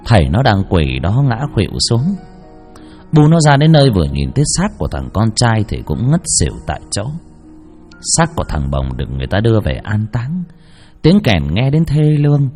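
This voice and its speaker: A man narrating a ghost story vividly, swinging between hushed and lively. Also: lowish voice, normal speed. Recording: narration over soft background music.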